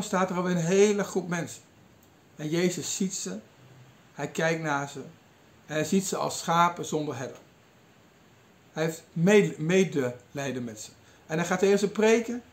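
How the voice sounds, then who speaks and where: A man giving a sermon, retelling a Bible passage in a storytelling way with some hesitations. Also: sits high. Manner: storytelling, quoting figures in lively asides, some hesitations. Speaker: preacher.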